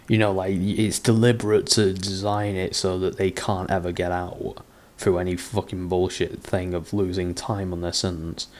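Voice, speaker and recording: Sitting low in pitch with a darkish tone, a man performs a sarcastic book reading as a comedy bit. Along the way he breaks off for exasperated, profanity-laced mockery and commentary.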